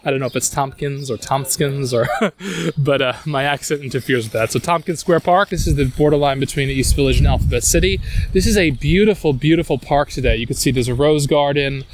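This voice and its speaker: Speaking a little fast at a medium pitch, this man with a New York accent leads a casual outdoor walking tour through city streets. He rambles enthusiastically, full of fillers and restarts.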